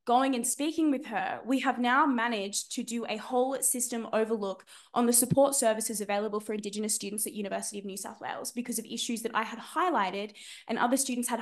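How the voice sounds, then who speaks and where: A young Australian woman with a fairly high voice speaks as a student on a panel. She shares personal experience as motivational advice, with emphatic, dramatic phrasing and plenty of colloquial turns. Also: steady tone, fairly quick. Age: young adult.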